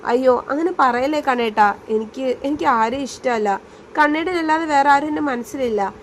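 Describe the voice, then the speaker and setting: A woman's voice: high-pitched, moderate pace, slight background noise, lightly acted. A woman doing a timid young college girl. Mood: pleading. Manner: hesitant, faltering, pleading.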